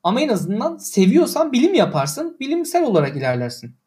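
A man's voice: extremely high pitch, wildly swooping pitch, a little fast, a little mellow. Exasperated young man ranting on stream. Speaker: livestreamer. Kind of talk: casual livestream rant.

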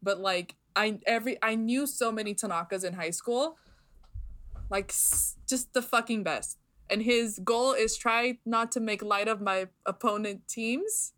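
A woman's voice: fairly high pitch, unhurried, a bit bright. A young woman hosting a podcast in casual chat, gushing and laughing often, with casual swearing. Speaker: podcast host.

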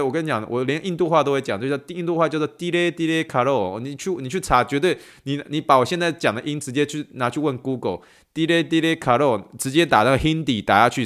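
Tired man teaching playfully. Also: medium pitch. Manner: playful, mixes in English phrases and spelled-out words. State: tired, late-night recording. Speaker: podcast host and athletic trainer. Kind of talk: casual podcast teaching.

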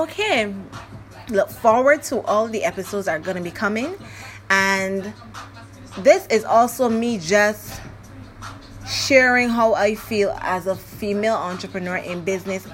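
A young woman with a Barbadian accent talks through her solo podcast. She is chatty and upbeat, with a mid-range voice. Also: medium pitch. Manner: chatty and upbeat, with laughs and asides. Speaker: podcast host. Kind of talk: casual solo podcast monologue.

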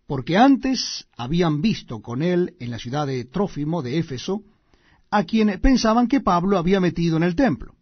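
A man reading scripture aloud in a measured, solemn way. The recording is dull and lo-fi. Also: high-pitched, husky, no echo. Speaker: Bible reader.

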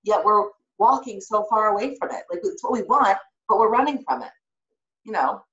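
A woman's voice: medium pitch, animated, normal speed, fairly bright tone. A woman hosting a casual interview, talking with enthusiasm. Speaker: interview host. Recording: roomy, distant and muffled.

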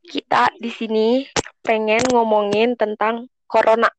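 A woman's voice: fairly high pitch, little pitch movement, unhurried, noisy background. A young adult woman with a Jakarta Indonesian accent, co-hosting a podcast in casual, slangy conversation. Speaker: podcast co-host.

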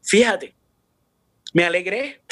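Man, faith testimony, earnest, restarts words, slightly high pitch, dry recording. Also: animated, slow, fairly bright tone, no room sound. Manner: earnest, repeats and restarts words, drops English words into Spanish.

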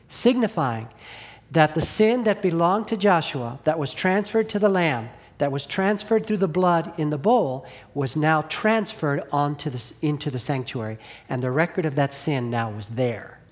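A middle-aged man preaching a sermon earnestly, asking the congregation questions and dropping to a hush on key lines. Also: fairly high pitch. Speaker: pastor.

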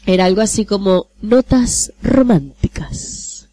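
A woman's voice: medium pitch, a little slow, dark tone. A middle-aged woman with a Maracaibo Venezuelan accent, a radio host talking freely as an interview guest, chatty and self-deprecating with easy laughs. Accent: Maracaibo Venezuelan Spanish. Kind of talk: casual interview chat.

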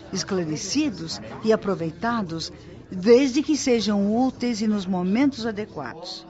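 A Brazilian actress voices a patient, helpful spirit guide in a radio drama, explaining things gently and formally. Her medium-pitched female voice is lightly acted, and the audio sounds dull.

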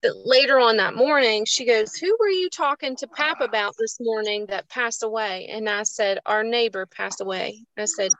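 A woman's voice: a little high, normal speed, hardly any pauses, a bit bright, no echo, dull audio. A woman, earnestly telling a personal story in a casual faith chat. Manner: earnest, emotional storytelling, folksy. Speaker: co-host of a faith show.

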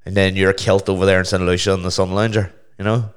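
Male podcast host, Northern Irish, low gravelly hoarse voice, sweary teasing banter. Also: flat delivery, fast talker. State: hoarse with tonsillitis. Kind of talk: casual bantering podcast chat.

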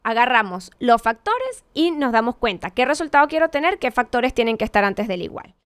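Her voice sits on the high side, sing-song and smooth, moving a little fast as this woman delivers a conversational motivational talk. She asks rhetorical questions and fixes her own wording along the way, and the recording is dry.

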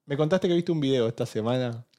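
A man's voice: medium pitch, quick pace, dark tone. A man with a Rioplatense Spanish accent co-hosting a podcast, cutting in with blunt, teasing remarks. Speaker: podcast co-host. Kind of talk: casual banter.

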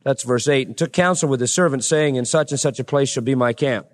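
A man preaching a sermon, reading scripture aloud with dramatic rising emphasis and plain asides in between. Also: medium pitch. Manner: reads verses with dramatic slowing and rising voice, then chats plainly.

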